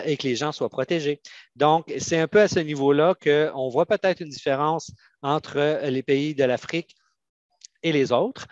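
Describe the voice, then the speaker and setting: The audio is dull with no room sound, carrying a medium-pitched male voice. He is a Canadian union adviser with a Quebec French accent who answers questions on an online panel, explaining in a methodical, halting way.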